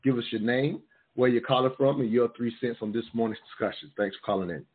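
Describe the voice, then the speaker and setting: A man hosting a call-in talk show, speaking in a relaxed, friendly, affirming way. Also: mid-range voice, fast talker, slightly rough. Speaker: host. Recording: tinny phone-like audio.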